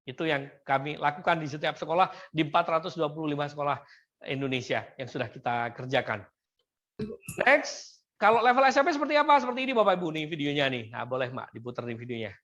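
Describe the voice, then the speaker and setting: A woman presenting a seminar to teachers, often addressing the audience and modeling simple English phrases slowly. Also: sits low, very animated, a bit bright.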